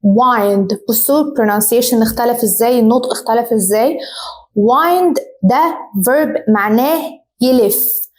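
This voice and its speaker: A young woman with an Egyptian Arabic accent teaching English vocabulary in a vlog-style lesson, switching to slow, careful English for example sentences and repeating them. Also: on the high side, darkish tone, rough recording.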